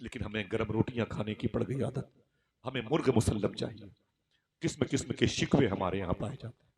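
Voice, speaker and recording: A middle-aged man giving an emotional devotional sermon, telling a story dramatically and moving between hushed grief and raised fervor. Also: lowish voice, fairly quick, vocal fry. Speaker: Islamic preacher.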